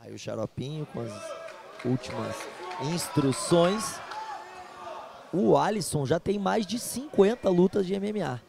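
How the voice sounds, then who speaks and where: A man's voice: on the high side, expressive, unhurried, creaky, a crowd in the background. A man with a Brazilian accent doing informal, slangy live commentary on an MMA fight.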